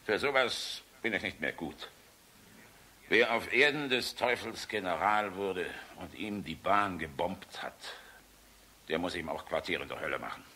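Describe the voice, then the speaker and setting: A middle-aged general in a radio drama, proud, sardonic and weary. His voice is deep and forceful, swinging widely from grave, measured lines to barked command. The recording is an old, slightly noisy one. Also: expressive, full character voice. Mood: resigned, wry. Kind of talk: German radio play acting.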